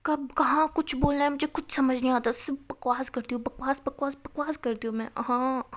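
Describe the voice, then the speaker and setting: A woman's voice: high voice, fairly even intonation, normal speed, natural voice. A woman voicing a chatty young college girl who doubts herself and frets, repeating her words. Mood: anxious.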